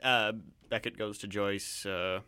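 Low, halting male radio host. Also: fairly even intonation, bright, forceful tone, clean tone, no room sound. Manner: halting, stumbling storyteller with many fillers. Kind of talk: casual radio chat.

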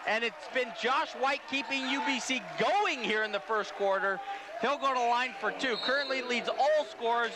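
A man calling basketball play-by-play, rapid and excitable as he follows the action. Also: very high-pitched, a loud crowd, very noisy. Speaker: play-by-play commentator.

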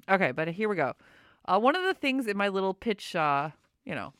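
A woman's voice: mid-range voice, sing-song, moderate pace, fairly bright tone, no echo, clean studio sound. A middle-aged woman talking through a face mask, slightly muffled, chatting informally and rambling as she hosts a radio fundraising show. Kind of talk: casual unscripted radio fundraising chat. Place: radio studio.

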